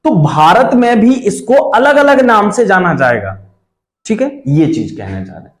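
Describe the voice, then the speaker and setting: A male teacher talks through an exam-prep geography lesson, pointing at a map as he goes. His voice sits a little high and swings widely in pitch as he fires questions and answers them himself. The sound carries a noticeable room echo. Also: big pitch swings, unhurried. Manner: keeps checking with listeners, asks and answers his own questions; points things out on a map while talking.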